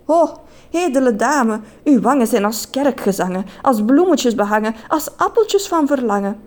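A woman's voice: a little high, expressive, normal speed, darkish tone, voice pushed up, natural voice. A woman voicing a shy, lovestruck man who stammers, then gushes flowery verse. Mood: gushing. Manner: stammering, then gushing and theatrical.

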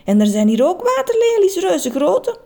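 Brief: woman voicing playful old Flemish granny, bright high calls, affectionate, lively swings in pitch. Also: normal speed, full character voice. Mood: joyful, teasing. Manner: teasing, affectionate, excited calls.

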